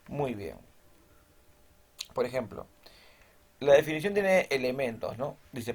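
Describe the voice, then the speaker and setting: A man's voice: medium pitch, a little mellow. A male teacher giving a recorded lesson. He explains step by step, checks in with his students after nearly every point and reads definitions from the text aloud.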